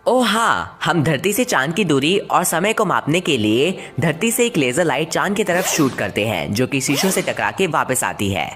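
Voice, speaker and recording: A woman acts a frazzled male astronaut in a cartoon. The voice is highly animated, flustered yet earnest, with faint music underneath. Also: moderate pace, hardly any pauses. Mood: eager, explaining. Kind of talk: animated comedy dialogue dub. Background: faint background music.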